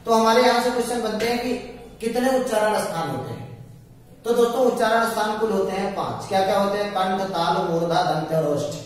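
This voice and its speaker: A man's voice: high-pitched, quick pace. A man teaching an exam-prep grammar lesson, asking questions and answering them himself. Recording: echoey room, voice from far off.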